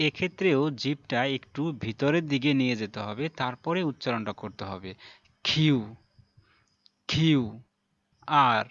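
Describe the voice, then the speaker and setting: A male teacher giving a pronunciation lesson, saying each sound slowly and twice over. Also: mid-range voice, fairly bright tone, dry recording, highs cut off.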